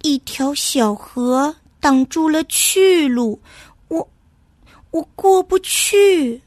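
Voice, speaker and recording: A woman voicing a young male pony in a storybook tale, timid and unsure, with a high chirpy voice. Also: slow, no room sound. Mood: hesitant.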